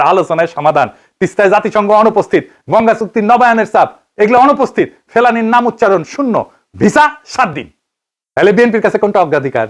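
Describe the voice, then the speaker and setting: A man with a Bangladeshi Bengali accent delivers an investigative political monologue, asking pointed rhetorical questions and answering them himself. His voice sits high for a man, and he talks at a rapid clip. His pitch rises and falls in wide, lively swings. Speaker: political commentator.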